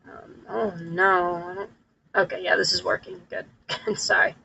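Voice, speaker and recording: A streamer talking through a live gameplay session with a voice digitally pitched up like a chipmunk, rambling and correcting themselves with frequent laughs. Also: big pitch swings, unhurried, vocal fry, pushed and bright, muffled recording, slight background noise. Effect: pitched-up chipmunk-like voice filter.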